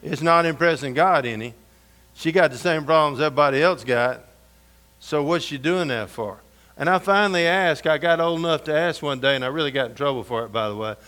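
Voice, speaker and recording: A middle-aged man preaching a storytelling sermon, folksy and humorous, going soft and intense for scripture. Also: fairly high pitch, a little fast.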